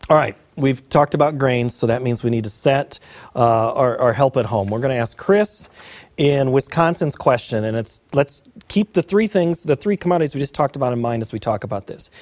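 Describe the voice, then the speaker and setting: A man's voice: mid-range voice, normal speed, a little mellow, no echo. A man hosting a farm market segment, asking folksy, prodding questions with a playful streak. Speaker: show host. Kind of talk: interview questions.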